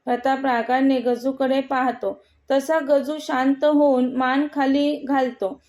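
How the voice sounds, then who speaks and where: A woman narrating a romantic story in a steady reading voice. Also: sits high, slow.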